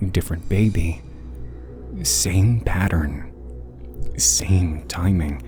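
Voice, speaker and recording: Low, haunting male horror narrator over music. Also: dark tone. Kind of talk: scripted first-person scary story narration. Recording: music behind the voice.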